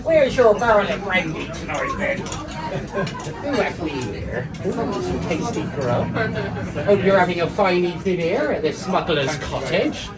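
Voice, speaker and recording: A woman's voice: fairly low pitch, big pitch swings, unhurried. A woman playing a salty, sly old eighteenth-century smuggler in live costumed theatre, chummy and teasing in rustic dialect. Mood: nosy, teasing. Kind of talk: live costumed character acting for guests. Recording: distant voice under loud music and chatter.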